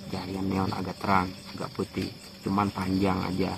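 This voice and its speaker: A man casually recounting what he has seen, in halting short phrases, outdoors at night. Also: low voice, monotone. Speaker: local witness being interviewed. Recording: clear insect noise, outdoors at night.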